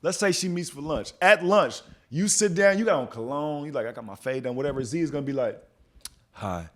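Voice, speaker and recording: Fast-talking and on the high side, this young adult podcast host from Texas keeps things casual, telling animated stories and acting out what people said.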